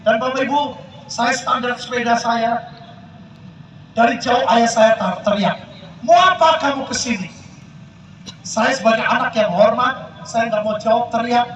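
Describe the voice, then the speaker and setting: A man's voice: very high voice, flat delivery, unhurried, highs cut off, a little hiss or hum. An older man giving a dramatic testimony sermon, telling his story straight to the crowd at an outdoor field event. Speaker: preacher. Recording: echoey PA sound from far off.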